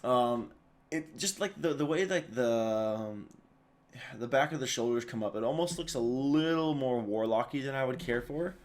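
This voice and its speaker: A tired man talks through a casual video commentary. He rambles and keeps doubling back, with lots of fillers and restarted sentences. His pitch sits in an ordinary middle range for a man. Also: normal speed. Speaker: video host.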